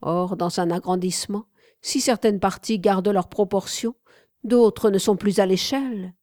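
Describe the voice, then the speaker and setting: A woman's voice: medium pitch, fairly even intonation, normal speed, a little mellow, no room sound, studio quality, close to an everyday voice. Woman reading as a pensive aging sculptor. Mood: expansive. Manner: musing, rhetorical questions. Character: aging celebrated male sculptor, pensive and wry.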